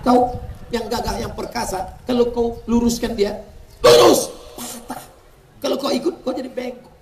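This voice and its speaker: A man delivers a jokey sermon in a high voice, dropping into soft asides and then bursting out loudly. He is heard from far off through a stadium sound system, with a long echo and clear noise behind. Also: steady tone, normal speed. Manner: jokey, swings between soft asides and loud exclamations. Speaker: preacher. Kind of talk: humorous sermon at a mass gathering. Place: outdoor stadium. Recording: echoey stadium PA from far off, noisy.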